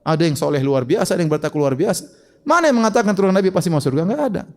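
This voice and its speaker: A man's voice: sits high, expressive, very fast, in a large hall. A man giving an emphatic religious question-and-answer lecture, full of rhetorical questions. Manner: emphatic, rhetorical questions, shifting loud and soft. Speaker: Islamic preacher.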